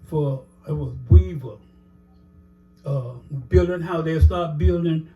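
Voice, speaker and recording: A man's voice: fairly high pitch, takes it slowly, highs cut off, faint music behind. An older man telling his life story in a casual interview, rambling with many "you know"s and acting out the dialogue he recalls.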